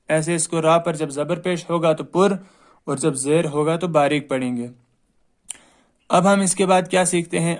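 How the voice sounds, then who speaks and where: Guy with a high voice teaching letter sounds, stretches each letter out loud then explains quick. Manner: draws out each letter slowly, loudly, then explains briskly. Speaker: Quran reading teacher. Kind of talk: recorded lesson.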